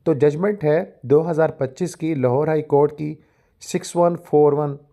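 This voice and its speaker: A law education YouTuber with a Pakistani accent and a mellow, somewhat high voice lectures in formal Urdu peppered with English legal terms. He alternates explanation with reading out a judgment.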